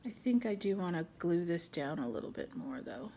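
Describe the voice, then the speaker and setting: A woman's voice: lowish voice, sing-song, moderate pace, mellow, slight background noise. A middle-aged woman hosting a casual crafting tutorial at home, chatting and thinking aloud as she works. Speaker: craft video host.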